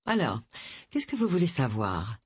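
A reader voicing Tilly, a gruff middle-aged village woman who is blunt and scornful, speaking in a low, curt voice. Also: big pitch swings, normal speed, no room sound. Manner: curt, dismissive, grumbling.

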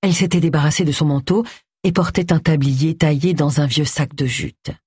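An audiobook narrator reading a mystery novel in a measured, even storytelling voice. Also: mid-range voice, breathy edge, no room sound, clean studio sound. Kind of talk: scripted narration of a cozy mystery.

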